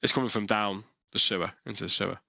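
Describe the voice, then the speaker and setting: A man running a tabletop game as dungeon master, narrating haltingly with many fillers and restarts over a headset. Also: lowish voice, vocal fry, bright, forceful tone, no echo.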